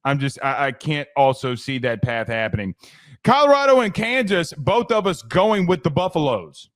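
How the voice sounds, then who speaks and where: A man co-hosts a casual sports podcast, trading picks with his partner in loose, friendly chat. He often stumbles and restarts his sentences, and his voice is somewhat high for a man. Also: big pitch swings, normal speed. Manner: stammering restarts, talks to co-host by name. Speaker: podcast co-host.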